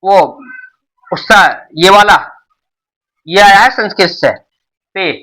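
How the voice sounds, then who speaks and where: A man's voice: high voice, slow, pushed and bright, poor audio. A middle-aged man teaching a beginners' alphabet lesson, explaining patiently and repeating himself often. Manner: patient, repetitive explaining with many restarts. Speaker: Urdu teacher. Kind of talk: classroom-style alphabet lesson.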